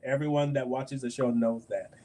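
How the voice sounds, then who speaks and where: A man's voice: medium pitch, fairly even intonation, normal speed, warm tone. A man from Barbados hosting a podcast panel, making a passionate, emphatic argument and repeating phrases for force. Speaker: host.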